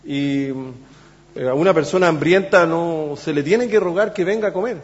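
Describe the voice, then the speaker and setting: A man preaching a sermon in a church, halting with many fillers and restarts, then pressing points with emphasis. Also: a little high. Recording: echoey church hall, dull sound.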